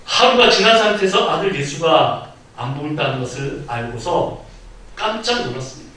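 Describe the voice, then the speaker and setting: A man preaching a Sunday sermon as pastor, telling the story vividly and acting out quoted lines with sudden loud outbursts. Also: a little high, expressive, normal speed. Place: church sanctuary. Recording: very echoey hall, mic at a distance.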